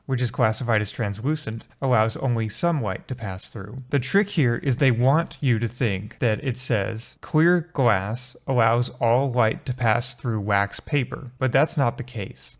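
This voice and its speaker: A man calmly explaining test prep grammar, step by step, in a screen-recorded lesson. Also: medium pitch. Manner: calm, methodical explaining.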